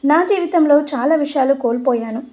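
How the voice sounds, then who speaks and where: A woman reading a calm, resolute young hero. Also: high voice, fairly quick, muffled recording, close to an everyday voice.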